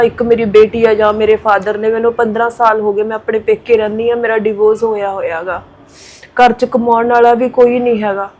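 A woman's voice: a little high, a little mellow, slight background noise, low-quality recording. A middle-aged woman speaking plainly and steadily as she pleads for help. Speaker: interviewee making a plea.

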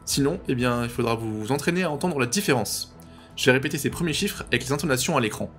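A man's voice: medium pitch, animated, a bit bright, soft background music. Patient man explaining pronunciation. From French-speaking. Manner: patient, repeats pronunciations slowly and clearly. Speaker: language tutorial host. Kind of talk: explanatory tutorial narration.

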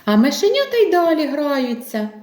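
A woman teacher reading a fairy tale aloud to small children in a gentle, expressive storyteller voice. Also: sits high, normal speed. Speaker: kindergarten teacher. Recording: echoey room.

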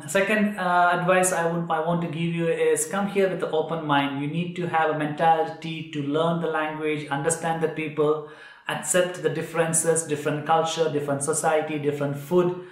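With a fairly high voice, little pitch movement, and normal speed, a Malayalam-speaking man in his thirties from Kerala talks casually to a camera set a short way off. He has an Indian accent and fills his vlog with fillers and restarts, speaking indoors in a small, echoey kitchen.

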